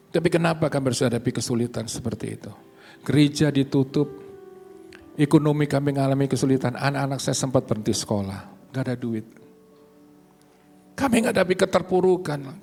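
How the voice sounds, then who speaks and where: A middle-aged man, a pastor, telling his personal testimony in a church sermon, emotional and rising to excited heights. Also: medium pitch, creaky. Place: church service.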